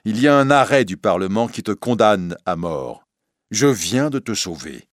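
A man's voice: fairly low pitch, lively intonation, moderate pace, dry recording, clean studio sound, lightly acted. A man reading a story aloud, voicing a tormented, obsessive male priest who pleads and threatens with passion. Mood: intense pleading. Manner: passionate, pleading then menacing.

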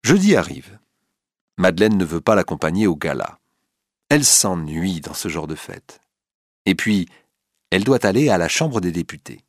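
Expressive male storyteller, low voice. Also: normal speed, pauses often, no echo, clean studio sound. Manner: expressive, dramatic reading. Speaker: narrator. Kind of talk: storybook narration.

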